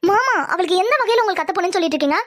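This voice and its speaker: A woman's voice: very high voice, animated, very fast, a bit bright. A woman voicing a spoiled, jealous young woman who talks in a whiny, sarcastic way in a cartoon dub.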